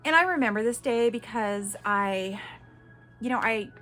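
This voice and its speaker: Woman, 50s, emotional vlogger, tearful and halting, bright tone, faint music bed. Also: fairly high pitch, lively intonation. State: crying at times. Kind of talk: emotional personal vlog.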